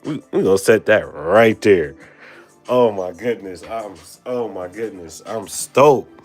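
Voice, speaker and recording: A young man hosting a card-opening vlog, excited, exclaiming and stammering over his pulls. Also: fairly low pitch, takes it slowly, faint music behind. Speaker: card-opening channel host.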